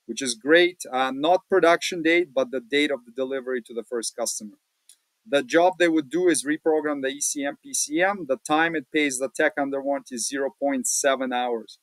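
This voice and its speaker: A man's voice: mid-range voice, dry recording, low-quality recording. Casual man explaining a repair bulletin. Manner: relaxed, plain-spoken, many fillers. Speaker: automotive channel host. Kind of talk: casual screen-share walkthrough.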